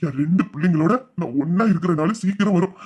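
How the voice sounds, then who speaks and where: A man voicing a gentle, loving older father who soothes and reassures his son, with hesitant fillers. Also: sits high, quick pace, husky, voice pushed down. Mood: soothing, fond. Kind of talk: audio drama acting.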